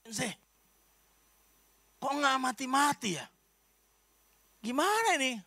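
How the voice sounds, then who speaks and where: A woman's voice: sing-song, slow, fairly bright tone, no echo, full character voice. A male pastor voicing a hurt, tearful young wife who complains about her mother-in-law. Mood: tearful pleading. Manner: high, pleading, tearful.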